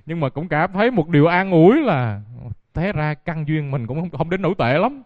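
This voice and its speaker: A man's voice: fairly high pitch, lively intonation, moderate pace, no room sound. A man, a Buddhist monk giving a dharma talk and telling stories directly to his listeners. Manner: storytelling, addresses audience directly. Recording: dull dry lo-fi recording.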